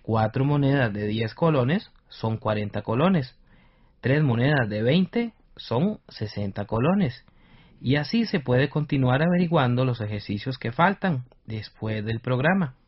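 Husky Costa Rican male teacher. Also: medium pitch, lively intonation, a little slow, muffled recording. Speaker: teacher and radio co-host. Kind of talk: scripted lesson presentation.

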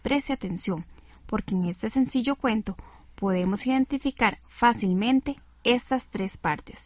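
A woman hosting a scripted educational radio lesson in a clear, didactic way, on a dull lo-fi recording. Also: on the high side, measured pace, no echo.

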